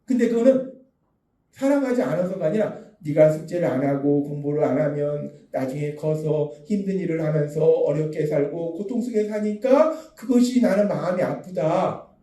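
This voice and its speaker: A man's voice: on the high side, moderate pace, dark tone, echoey room, distant mic. A man preaching a sermon as pastor, asking earnest rhetorical questions. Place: church sanctuary.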